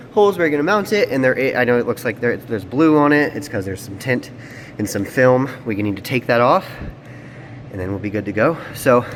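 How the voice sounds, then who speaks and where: Upbeat male vlogger, casual slangy delivery, garage recording with clear background noise and shifting mic distance. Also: medium pitch. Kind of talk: casual product review and install walkthrough.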